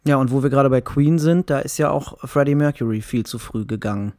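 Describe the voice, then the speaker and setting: A man speaks as a podcast guest, in a casual conversational way. His voice has an average pitch. The recording is dry and close. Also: a little fast, darkish tone, no echo. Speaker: podcast guest, writer and musician.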